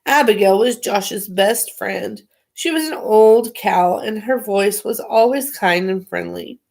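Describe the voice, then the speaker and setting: A woman's voice: medium pitch, slow pace, vocal fry, a little mellow. A woman reading a children's picture book aloud on a livestream, playful and chatty between pages. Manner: playful, giggly, chatty asides. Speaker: storybook reader, livestream host.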